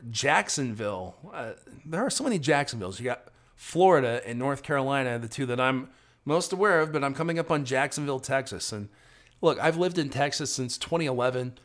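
A man's voice: mid-range voice, a bit bright. Chatty man filming on a dashboard phone. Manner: chatty and rambling, thinking aloud with many restarts. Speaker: road-trip vlogger. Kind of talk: casual running commentary while driving. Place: inside a van while driving. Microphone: phone mounted on the dashboard.

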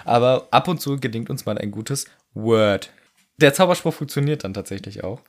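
A man's voice: medium pitch, animated, normal speed. Laughing German man chatting casually. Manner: jokey, laughs often, acts out quotes. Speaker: podcast co-host. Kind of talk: casual book discussion.

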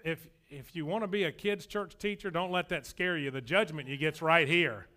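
Man, pastor, sermon, folksy and emphatic, high voice. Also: moderate pace, pushed and bright. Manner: folksy, joking, emphatic preaching.

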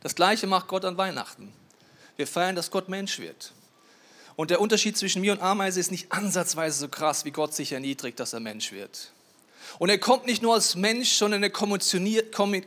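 A man's voice: high voice, moderate pace. A man preaching a sermon, playfully telling stories and speaking directly to his listeners. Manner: playful, animated storytelling that addresses listeners directly.

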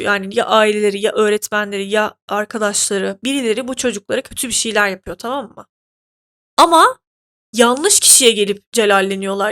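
A woman hosting a podcast, telling a story in an indignant, animated way with many fillers. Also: a little high. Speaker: podcast host. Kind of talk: casual podcast monologue.

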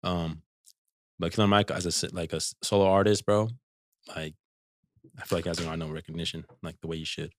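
A man's voice: low-pitched, steady tone, a little fast, long pauses, dry recording. A man co-hosting a casual hip hop podcast, rambling with lots of "like" and "bro". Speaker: podcast co-host. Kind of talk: casual hip hop album review chat.

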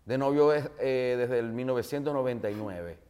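A man in his forties with a Maracaibo Venezuelan Spanish accent tells stories in a relaxed interview. His pitch sits in the middle for a man. He rambles a little, uses lots of fillers and keeps slipping in jokes. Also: normal speed, smooth. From Zulia, Venezuela. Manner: animated, jokey anecdotes with many fillers. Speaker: interview guest, broadcaster. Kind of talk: casual storytelling interview.

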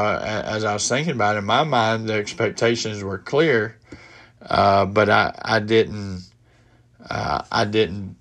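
This middle-aged man is hosting a laid-back solo podcast from his home office while battling a head cold. He talks in a halting way, often restarting and using fillers, in a voice on the low side with a bit of brightness.

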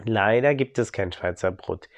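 A man's voice: fairly low pitch, moderate pace, dry recording, close to an everyday voice. A man voicing a cheerful, enthusiastic father buying bread in a bedtime story.

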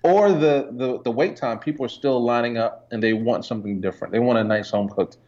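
This is a man from Jamaica, a photographer and entrepreneur guesting on an interview, chatting in a laid-back, conversational manner packed with fillers. Medium pitch, fairly quick delivery, and dull lo-fi audio.

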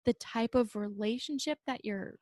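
A young woman co-hosting a podcast, chatting in a relaxed, wandering way with fillers and casual swearing. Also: fairly high pitch, moderate pace, dry recording, studio quality. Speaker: podcast co-host. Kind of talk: casual chat.

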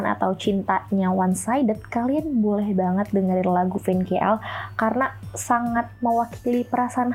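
A woman's voice: medium pitch, darkish tone, poor audio. Chatty young woman DJ with slang. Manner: chatty, addresses listeners as friends, informal slang. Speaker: radio-style host and DJ. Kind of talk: casual chat presenting pop music trivia.

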